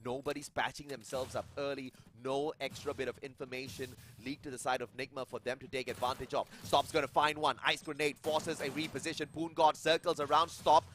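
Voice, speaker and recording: A man calling live esports play-by-play as an excitable commentator. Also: medium pitch, a little fast, few pauses, a little hiss or hum. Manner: excitable, bursting into yells at big plays.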